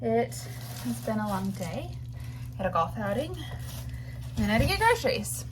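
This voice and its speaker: A woman's voice: on the high side, big pitch swings, normal speed, background noise. A woman talking casually to her vlog audience, rambling informally as she thinks aloud. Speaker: running vlogger. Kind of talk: casual personal vlog chat.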